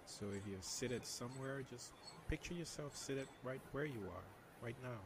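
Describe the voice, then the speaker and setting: A man leading a guided meditation in a soft, hushed, soothing voice, slowly and with long pauses. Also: mid-range voice, background noise. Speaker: meditation guide, interview guest.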